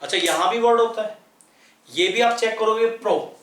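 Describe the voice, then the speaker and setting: A man's voice: sits high, moderate pace, a bit bright, roomy sound. A man teaching English vocabulary in Hindi, explaining patiently and spelling words out letter by letter. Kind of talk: explaining lesson in Hindi at a chart.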